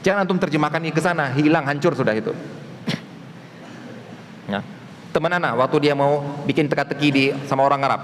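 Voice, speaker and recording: A man, a religious teacher, giving a mosque study lecture and answering questions, lively and acting out little dialogues in different voices. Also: a little hiss or hum. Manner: lively, acts out dialogues with shifting pitch. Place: mosque hall. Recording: echoey hall with faint ambience.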